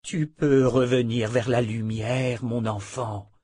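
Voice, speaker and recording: Man voicing a gentle older abbess, measured, soft, husky voice. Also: mid-range voice, steady tone, dry recording, studio quality. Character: older captive abbess, gentle yet firm.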